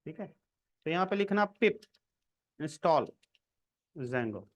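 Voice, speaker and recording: A man's voice: on the high side, big pitch swings, slow. A man giving a casual screen-recorded coding lesson, talking the viewer through each step and checking in often. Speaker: programming tutor.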